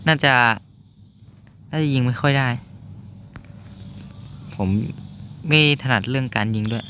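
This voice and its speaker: Young male gaming streamer, casual play-by-play, mid pitch, faint background noise. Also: fairly bright tone. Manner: chatty, explains while playing, reacts with exclamations. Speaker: gaming YouTuber. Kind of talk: casual gameplay commentary. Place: noisy spot at home.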